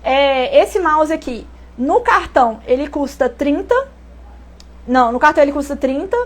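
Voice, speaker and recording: A woman's voice: high voice, normal speed. A Brazilian woman giving casual pricing tips as an online instructor, talking in a chatty way, often correcting herself and asking rhetorical questions. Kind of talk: casual live-stream tips.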